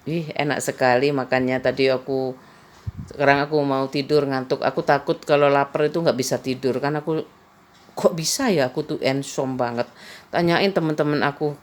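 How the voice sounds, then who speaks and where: A woman's voice: a bass voice, steady tone, normal speed. A woman, chatting in a rambling way in a personal vlog and laughing often. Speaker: vlogger. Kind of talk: casual personal vlog chat.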